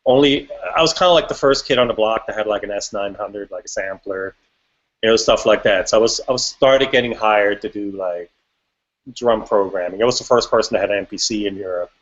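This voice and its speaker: A man's voice: fairly low pitch, a little fast. A man from Switzerland, a music producer, talking casually in an interview, rambling with frequent restarts and fillers. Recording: dull lo-fi audio.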